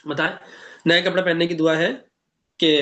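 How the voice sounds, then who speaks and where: A man with a Pakistani Urdu accent teaching an online Quran class in a conversational way, often checking with students and reciting prayers slowly. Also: fairly high pitch, vocal fry, noisy background. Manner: conversational, asks the class questions. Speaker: religious teacher.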